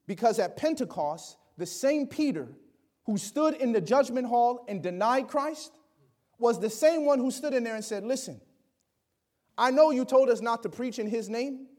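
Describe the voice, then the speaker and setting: High-voiced guy preaching, gets loud then drops real quiet, does little voices for quotes. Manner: dynamic, swings from loud exclamations to quiet asides. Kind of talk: sermon.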